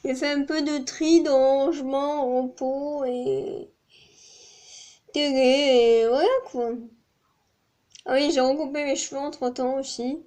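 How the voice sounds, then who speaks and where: Young woman, high voice, meandering vlog chat full of hesitations. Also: steady tone, slow pace, pauses often, a little mellow. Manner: rambling, many fillers and restarts. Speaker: vlogger. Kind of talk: casual chat to camera.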